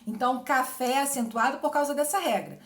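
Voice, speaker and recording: A woman teaching spelling for exams, who explains patiently, stretches example words slowly and keeps checking with "certo?". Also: high voice. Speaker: Portuguese teacher. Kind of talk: exam-prep grammar lesson. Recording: echoey room.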